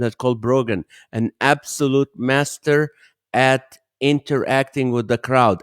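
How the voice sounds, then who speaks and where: A man hosts a podcast in an easygoing, eager way, often repeating himself to drive a point home. His voice sits at an ordinary pitch. The recording is dry and close, with little room sound. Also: dry recording. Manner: enthusiastic, repeats points for emphasis. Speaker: podcast host. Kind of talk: casual interview chat.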